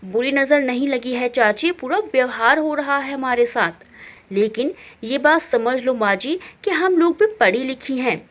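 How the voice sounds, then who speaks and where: A woman voicing an outspoken young daughter-in-law with a sharp, defiant way of talking. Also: sits high, moderate pace.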